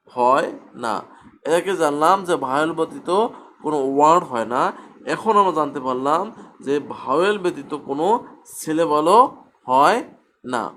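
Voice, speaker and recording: A man teaching a grammar lesson at a slow, deliberate pace. His voice sits a little high, and he asks questions aloud and then answers them himself. Faint background noise runs under the recording. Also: a bit bright.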